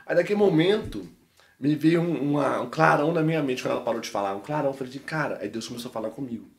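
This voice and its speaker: A Brazilian man with a Mineiro accent, a podcast guest telling a personal story in an animated, slangy way. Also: mid-range voice, racing, vocal fry, reverberant. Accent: Mineiro Brazilian Portuguese. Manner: animated, slangy, peppers speech with "mano" and "velho". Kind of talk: casual storytelling testimony.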